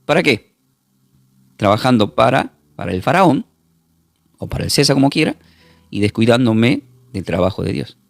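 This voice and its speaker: Argentine pastor, lively gravelly preaching voice. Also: male voice, mid-range voice, no room sound. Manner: emphatic preaching, repeats words, spells Greek terms slowly. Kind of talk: recorded Bible class sermon.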